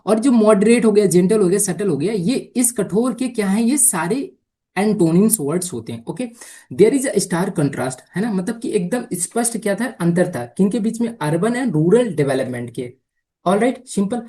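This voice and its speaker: A woman teaching English vocabulary for exams, explaining patiently in Hindi mixed with English and often asking whether it is clear. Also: mid-range voice, animated, moderate pace, warm tone. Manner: mixes Hindi explanation with English words and sentences. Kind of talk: exam-prep vocabulary lesson.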